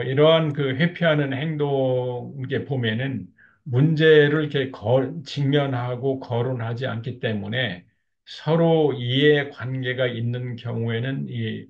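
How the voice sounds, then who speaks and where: Male marriage counselor, lecture delivery, gravelly, slightly muffled lo-fi audio. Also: mid-range voice. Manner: steady explanatory tone with frequent fillers like "이렇게". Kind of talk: lecture on couple communication.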